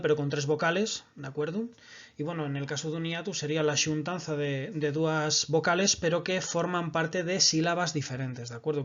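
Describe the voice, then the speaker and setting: A man teaches a recorded online language class, patient and methodical. His voice sits slightly high. The recording is dull and lo-fi. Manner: patient explaining, frequent checks with "de acuerdo".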